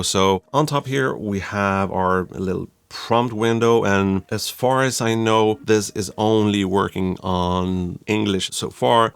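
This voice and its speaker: A man from Sweden, reviewing software in a chatty, self-deprecating tutorial style. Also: fairly low pitch, vocal fry, no echo. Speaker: YouTube reviewer. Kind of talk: casual tutorial talk.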